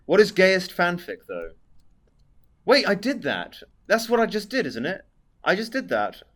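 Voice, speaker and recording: A man's voice: high-pitched, huge pitch swings, unhurried, a bit bright. A man with a posh British accent chats casually as a live streamer, reading out viewer messages in a dry, sweary manner. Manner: sweary, dry, tag questions.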